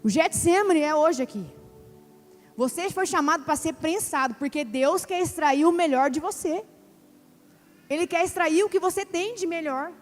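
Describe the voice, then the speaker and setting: A high-pitched woman preaches with fervor, repeating her words as she calls out to the congregation. Her voice rings through a reverberant church hall over quiet music. She is middle-aged and talks with heartfelt intensity. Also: moderate pace. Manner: fervent, repeats phrases, addresses congregation as brothers. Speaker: church preacher giving testimony. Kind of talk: emotional sermon testimony.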